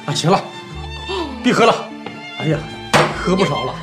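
Lively coaxing village guy, loud violin music behind him. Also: high-pitched, moderate pace. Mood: soothing. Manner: soothing, plain-spoken, coaxing. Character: kindly rural village man. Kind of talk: TV drama acting.

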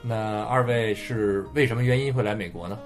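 A man's voice: fairly low pitch, brisk, soft background music. A man hosting a casual Chinese podcast chat with guests. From China. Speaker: podcast host.

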